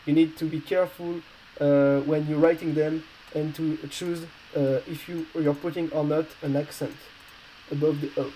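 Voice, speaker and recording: A male Spanish teacher explaining a grammar lesson in non-native English, pausing often with filler sounds and small slips. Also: fairly high pitch, darkish tone, slight background noise, rough recording. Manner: hesitant, many pauses and filler sounds.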